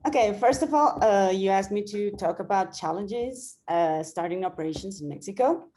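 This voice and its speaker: Mellow-voiced woman speaking on a video call. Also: mid-range voice, moderate pace. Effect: heard over a video call. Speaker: guest speaker, operations lead. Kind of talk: webinar presentation.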